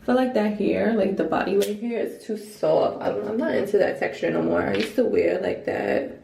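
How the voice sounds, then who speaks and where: A woman's voice: mid-range voice, normal speed, gravelly, warm tone, echoey room, a little hiss or hum. A young woman vlogging casually about her trip, rambling and filling every sentence with "like". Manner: chatty and rambling, says "like" constantly. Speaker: travel vlogger. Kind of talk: casual chat to camera. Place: hotel room.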